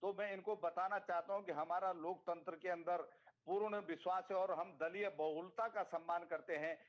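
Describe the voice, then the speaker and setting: A man appearing as a politician guest in a TV debate, making his case in a measured, formal way. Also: sits high, fairly even intonation, muffled recording. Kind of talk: TV debate over a remote link.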